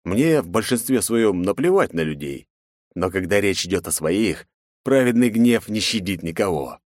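A man's voice: no echo, clean studio sound. Man reading a first-person audiobook. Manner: voices characters with raised pitch and force. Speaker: audiobook narrator. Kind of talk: first-person audiobook narration with acted dialogue.

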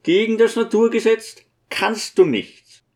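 A man voicing a gentle old priest who speaks in a mild, coaxing, earnest way. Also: sits high, measured pace, pitched above the performer's own voice. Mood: reasoning. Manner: soothing, earnest, coaxing questions.

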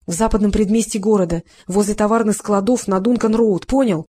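A woman narrator voices a determined young heroine, the daughter of a police chief. She speaks urgently and keeps her voice low and tense, staying near the reader's own tone. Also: fairly even intonation, a little fast, dark tone, close to an everyday voice.

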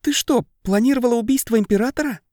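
Мужчина читает аудиокнигу и озвучивает юную вспыльчивую кровожадную дриаду высоким голосом; запись сухая, без эха. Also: male voice, very high voice, huge pitch swings, normal speed, no echo, studio quality, pitched above the performer's own voice, exaggerated voice. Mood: surprised. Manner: impulsive, sharp outbursts. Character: young female dryad, hot-tempered and bloodthirsty.

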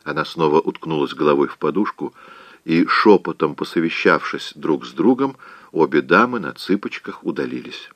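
A man's voice: extremely low pitch, expressive, normal speed, fairly bright tone, no echo. A man narrating an audiobook, telling the story expressively in scripted narration.

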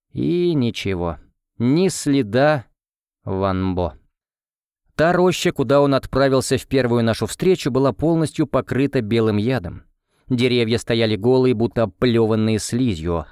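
A man narrating a first-person fantasy audiobook in a measured storytelling manner. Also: mid-range voice, a little mellow, clean tone, no room sound, studio quality.

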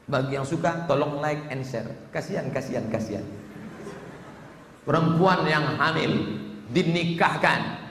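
Bright-voiced preacher. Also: male voice, fairly high pitch. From Riau, Indonesia. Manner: lively, jokes, mimics people, rhythmic repetition. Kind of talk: lively Islamic sermon. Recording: echoey hall with long reverb.

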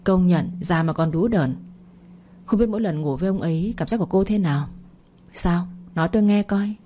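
A woman reading a spiteful young woman who taunts and mocks in quick, sharp jabs. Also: lowish voice, close to an everyday voice. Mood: sneering. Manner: mocking, taunting, rapid-fire.

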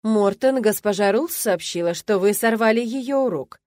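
A woman's voice: mid-range voice, expressive, moderate pace, darkish tone, no echo, studio quality, lightly acted. A woman voicing a weary, stern male academy rector who speaks in a commanding way.

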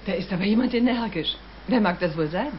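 A woman's voice: medium pitch, lively intonation, quick pace, lightly acted. An actress playing an elegant, chatty society mother in a mystery drama, speaking inquisitively. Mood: curious. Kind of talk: dubbed mystery drama acting. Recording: dull band-limited audio with clear noise.

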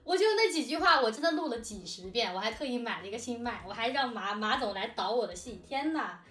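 Fast, animated, and a bit bright, this woman's fairly high voice comes through a distant mic in a roomy space, with faint music behind. She co-hosts for an audio drama production team and chats casually and talkatively behind the scenes, giggling often.

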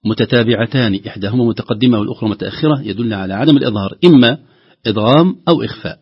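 A man teaching Quran recitation rules on a call-in lesson, explaining patiently with drawn-out filler pauses and slowly voicing words aloud to show how they sound. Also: mid-range voice, husky. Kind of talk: tajweed lesson on a call-in broadcast. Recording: dull lo-fi broadcast audio.

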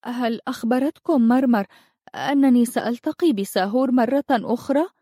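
A woman's voice: on the high side, a little fast, dark tone, slightly rough, no echo, studio quality, voice pushed up. A woman putting on an anxious young fairy girl. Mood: anxious, wistful. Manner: anxious, wistful questioning. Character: young fairy girl, insecure, thinks herself ugly.

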